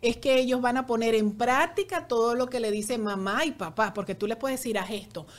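An earnest woman speaking as a guest in a relaxed conversation. Her voice sits a little high, and she often acts out other people's words as she explains. She sounds animated throughout. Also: brisk. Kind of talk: casual conversation.

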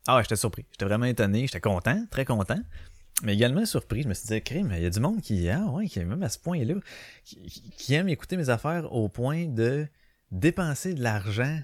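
A man's voice: mid-range voice, very animated, a little fast, no room sound, studio quality. A man with a Québécois French accent hosting a casual solo podcast from his bedroom on a small home mic, rambling with lots of fillers and restarts. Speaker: podcast host. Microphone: small home microphone.

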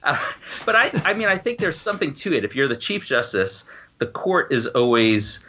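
Background noise accompanies this middle-aged podcast guest, a novelist and law professor with a medium-pitched, sing-song voice and a moderate pace. In the relaxed interview, he stammers slightly and works through his answers aloud.

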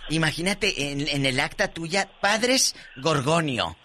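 A man's voice: a little high, expressive, takes it slowly, noisy background. A man playing a flamboyant diva character as co-host, teasing callers and laughing theatrically. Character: campy flamboyant diva of a radio show. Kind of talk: comedy radio banter.

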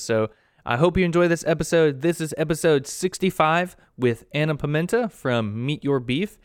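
A man's voice: medium pitch, clear, resonant tone, no room sound, clean studio sound. A man hosting a podcast, speaking in an upbeat, enthusiastic way as he introduces and interviews a guest. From United States. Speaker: podcast host.

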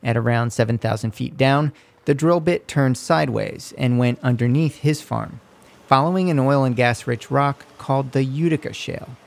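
A man narrating a scripted radio feature report in a measured, descriptive way. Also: mid-range voice, gravelly.

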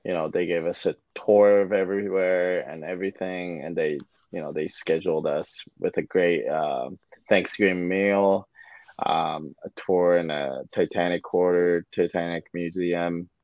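Young hockey player, japanese native, north american accent, deep voice, kinda hesitant, lots of ums, dull lo-fi sound. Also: male voice, steady tone, unhurried, no echo. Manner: hesitant, many fillers and restarts. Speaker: ice hockey player guest. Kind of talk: relaxed interview answers.

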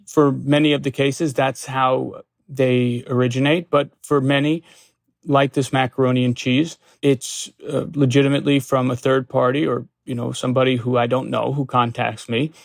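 A man, a lawyer, answering interview questions in a measured, hesitant way with many fillers and restarts. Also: mid-range voice, level tone, gravelly, no echo. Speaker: consumer protection lawyer.

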